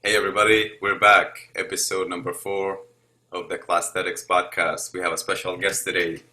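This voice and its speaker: A man's voice: low voice, flat delivery, normal speed, bright, forceful tone, low-quality recording. A man hosting a podcast in an upbeat, chatty way, keeping the talk moving. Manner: upbeat, chatty host who keeps things moving. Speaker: host.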